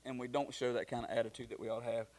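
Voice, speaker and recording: A man's voice: mid-range voice, flat delivery, very fast, a little mellow. A middle-aged man preaching a sermon in a folksy storytelling way, full of fillers and restarts. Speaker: pastor.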